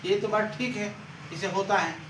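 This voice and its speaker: A man's voice: high voice, fairly even intonation, moderate pace, noisy background. A male teacher, explaining grammar to a class, repeating and quizzing as he writes. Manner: repeats and quizzes the class, writing while talking. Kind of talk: blackboard grammar lesson. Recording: roomy echo, far from mic, faint ambience.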